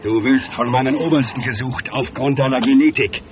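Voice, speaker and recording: An actor dubbing a stern, commanding male soldier from the future in a film, speaking gruffly. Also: medium pitch, fairly quick, a little hiss or hum, lightly acted. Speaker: time traveller from the future. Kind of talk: film dub. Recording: dull lo-fi film audio with score.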